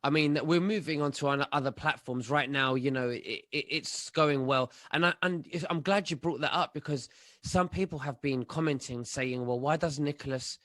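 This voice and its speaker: Halting man in his thirties. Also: on the high side, fairly bright tone, no echo. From London, England. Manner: halting, many fillers and restarts. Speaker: guest, online commentator. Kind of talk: casual interview answers.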